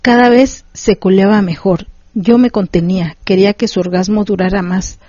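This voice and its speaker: A woman, a podcast host reading a story aloud in a steady, unhurried way and chatting casually. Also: mid-range voice, no room sound. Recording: dry, slightly dull sound.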